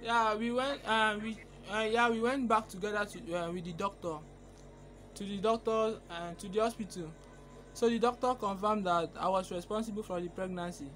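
A man's voice: sits high, steady tone, moderate pace, a bit bright, poor audio. A young man making a casual prank call, hesitant and stammering, recorded on a phone camera at arm's length. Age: young adult.

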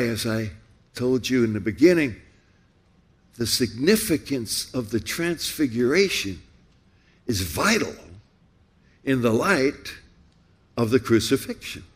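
Husky preacher man with slow, lively delivery. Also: mid-range voice. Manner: rhetorical, repeating questions with rising emphasis. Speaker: pastor. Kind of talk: sermon.

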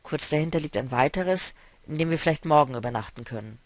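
A man reading a novel aloud, voicing a weary, melancholy male traveler who speaks quietly and broodingly. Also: fairly high pitch, animated, fast talker, no room sound, close to an everyday voice. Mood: explaining.

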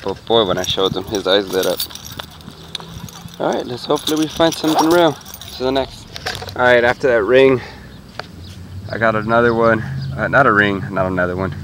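A man's voice: medium pitch, normal speed, long pauses, background noise. A man chatting casually to his viewers while metal detecting outdoors in a park. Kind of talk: casual narration to camera.

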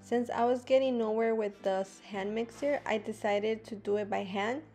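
A woman's voice: on the high side, moderate pace, dark tone. A young woman vlogger narrating a recipe voice-over, explaining each step plainly. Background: guitar music.

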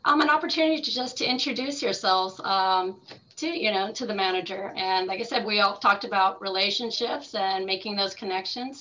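A woman's voice: mid-range voice, bright, forceful tone, slight background noise. A woman hosting an online lecture Q&A, friendly and coaxing the attendees to speak up. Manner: friendly, coaxing participants to chime in. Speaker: host of a lecture series. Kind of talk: moderating a Zoom Q&A. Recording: dull lo-fi video call audio.

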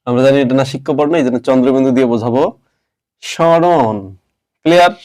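A man teaching a pronunciation class, explaining step by step and quizzing his students with quick questions. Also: mid-range voice, warm tone.

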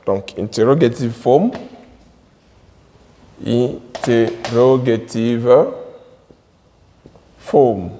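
Slow-talking man teaching at a board. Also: on the high side, expressive, a little mellow, in a large hall, a little hiss or hum. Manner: drills words by repeating them slowly. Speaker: English teacher. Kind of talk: slow classroom explanation at a board.

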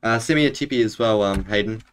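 A man's voice: fairly low pitch, fast, smooth. A young man chatting casually with viewers while streaming a game from home, laid-back and full of fillers. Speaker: Minecraft streamer. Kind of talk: casual live-stream gaming chat. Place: home room, indoors.

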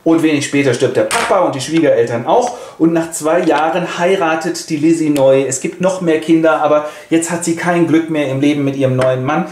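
A man's voice: a little high, fairly quick, hardly any pauses, echoey room, a little hiss or hum. A man hosting a comic retelling of a classic tale, telling it in a playful, colloquial way. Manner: playful, colloquial storytelling with lively voices. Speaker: host.

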